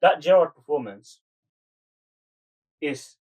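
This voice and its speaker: A man's voice: on the high side, animated, takes it slowly, darkish tone, husky, distant mic, muffled recording. Argumentative man, off-mic. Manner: argumentative, questions the others. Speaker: panelist. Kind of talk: casual football debate.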